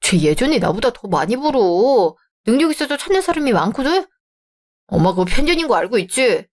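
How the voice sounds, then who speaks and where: A woman voices a young man torn between his mother and fiancée for a radio drama, her fairly high, very animated voice moving fairly quickly. The character comes across as frustrated while he placates and wheedles.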